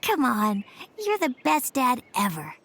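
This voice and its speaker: In emotive video game story dialogue, a female voice actor plays a sincere, earnest, imaginative young boy who sounds hopeful and grateful. She uses a full character voice that is high-pitched, with huge pitch swings and a slightly slow pace.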